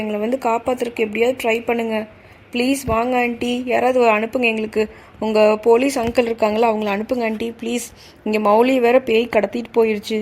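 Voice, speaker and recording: A woman's voice: fairly high pitch, darkish tone, a little hiss or hum, natural voice. A woman voicing a teenage girl begging an adult for help over the phone, in a cartoon. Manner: pleading, begging on a phone call.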